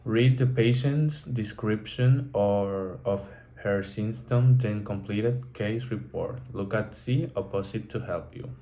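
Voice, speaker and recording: A man reads through a textbook lesson in a low voice, slowly and carefully. He stops now and then to restart a word. Faint room noise sits behind him. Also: mellow. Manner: slow, careful reading with halting restarts. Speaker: teacher. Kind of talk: reading a textbook lesson aloud.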